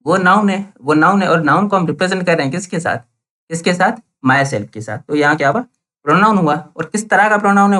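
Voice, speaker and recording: A man's voice: fairly high pitch, fairly bright tone. A young man teaching English grammar in Hindi with Urdu words, repeating each point and asking questions that he answers himself. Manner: repetitive, asks questions and answers them himself. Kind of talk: classroom-style lesson.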